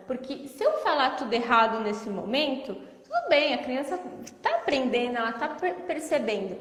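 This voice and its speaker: A woman speech therapist with a Brazilian accent, explaining things in a lively, chatty way. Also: on the high side. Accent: Brazilian Portuguese. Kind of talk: explaining in casual conversation. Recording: echoey room.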